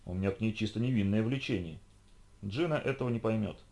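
A man's voice: fairly low pitch, fast talker, lightly acted. Man playing a gloating professor. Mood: warning. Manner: gloating, shouting. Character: gleeful vengeful male professor.

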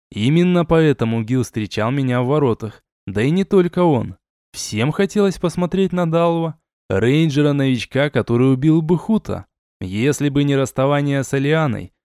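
A man's voice: medium pitch, darkish tone, smooth, no echo. A male audiobook narrator telling a fantasy tale in the first person, wry and chatty, with a mid-range voice. The recording is close and dry, with no room sound.

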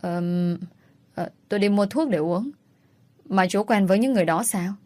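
A woman's voice: medium pitch, normal speed, a little mellow, dry recording, natural voice. A woman voicing a whiny, crafty young girl.

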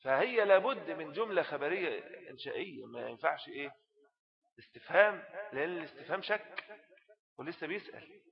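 A man's voice: on the high side, expressive, brisk, creaky, long pauses, highs cut off. Egyptian man teaching a jurisprudence lesson. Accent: Egyptian Arabic. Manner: explains text in colloquial asides, often asks rhetorical questions. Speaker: religious teacher.

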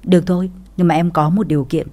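A blunt young sister-in-law with a sharp tongue, as a woman storyteller puts her on. She speaks in a low, mellow voice. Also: steady tone, fast, natural voice. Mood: plain.

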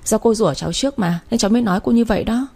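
A woman's voice: on the high side, very fast, creaky, slightly rough. Woman as a hot-tempered defiant granddaughter. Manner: sharp, talking back.

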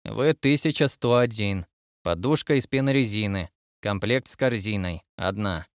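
A man's voice: fairly low pitch, moderate pace, clean tone, dry recording, studio quality, close to an everyday voice. A man reading the part of a fussy, stubborn male starship captain going through an inventory list, speaking with a methodical, bureaucratic manner. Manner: patient then exasperated, bureaucratic.

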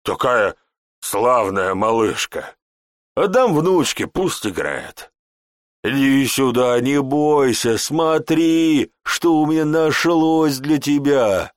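A man's voice: medium pitch, expressive, slow, no echo, pitched above the performer's own voice. A man voicing a phlegmatic older male guard, a grandfather, in an audiobook. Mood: coaxing. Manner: phlegmatic, dry.

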